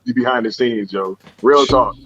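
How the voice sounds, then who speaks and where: Man, stream host, casual slangy chat, lots of fillers, mid pitch, dull lo-fi audio. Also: moderate pace, fairly bright tone. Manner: laid-back slangy talk full of "you know".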